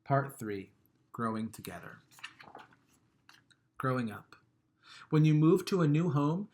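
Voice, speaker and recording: A medium-pitched man gives a gentle, expressive reading of a children's picture book. Line endings trail off quietly, and the amusing parts draw a chuckle from him.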